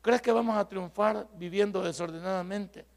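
A man preaching a sermon, acting out the voices in his stories and rising to shouts. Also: high voice, moderate pace, in a large hall. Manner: storytelling preacher, acts out dialogue, rises to shouts. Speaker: pastor.

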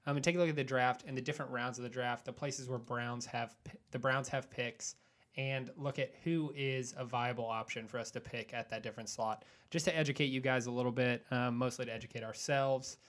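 A man's voice: mid-range voice, fairly even intonation, fairly quick, fairly bright tone. Male podcast host, playful, steers the chat. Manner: teasing, upbeat, leads the segment. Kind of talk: casual sports chat.

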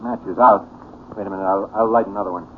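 An actor playing a grave doctor who takes charge, halting in delivery, in 1940s radio style. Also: male voice, fairly low pitch, fairly even intonation, natural voice. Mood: tense, steady. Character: grave, steady male doctor taking charge. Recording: tinny old radio with faint noise.

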